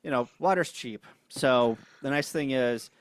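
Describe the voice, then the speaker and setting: A man's voice: mid-range voice, unhurried, clean tone. A man co-hosting a ham radio livestream in casual chat. He is laid-back, chuckles often and reads viewer comments aloud. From United States.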